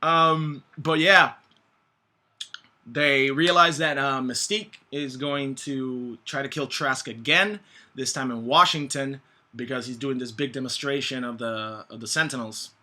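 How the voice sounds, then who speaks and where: A man giving a casual, rambling movie review in slangy, profane language, often halting and groping for words. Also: medium pitch, sharp tone. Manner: halting, groping for words with many false starts.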